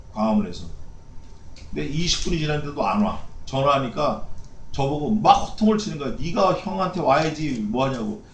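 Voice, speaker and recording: A man's voice: a little high, slight background noise. A man preaching a sermon as pastor, firing off rhetorical questions and repeating short punchy phrases. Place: church sanctuary. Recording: echoey church hall.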